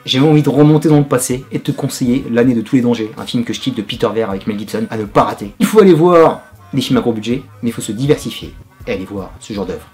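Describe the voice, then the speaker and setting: A man reviewing a film in casual, energetic slang, talking straight to his viewer as host of his channel. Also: medium pitch.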